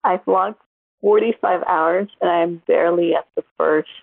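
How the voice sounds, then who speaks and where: A woman co-hosts a podcast in a relaxed, chatty way, laughing easily as she talks. Her voice sits low and has a gravelly fry, and it comes through a dry, tinny phone-like line. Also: a little slow, dry recording. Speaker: podcast co-host. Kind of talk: casual chat.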